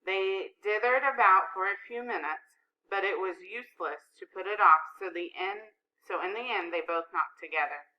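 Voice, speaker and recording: A woman narrating a children's novel in a steady, expressive reading voice. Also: mid-range voice, moderate pace, muffled recording. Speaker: audiobook narrator. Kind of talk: storybook narration.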